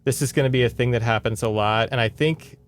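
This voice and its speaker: A fast-talking man with a medium-pitched voice co-hosts a podcast, recapping a book in a casual, chatty, informal way.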